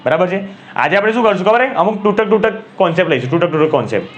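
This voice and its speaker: A man's voice: high voice, animated, racing, highs cut off. A man with a Gujarati accent teaching English grammar to a class, asking questions and repeating key words.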